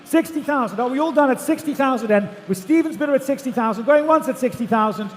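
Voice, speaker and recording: A man's voice: very high voice, animated, fast. A man working as an auctioneer, calling bids in a repetitive, projected chant of numbers at a live auction. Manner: repetitive chanting of figures, often loud and projected. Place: large auction hall. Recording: echoey hall PA with background noise.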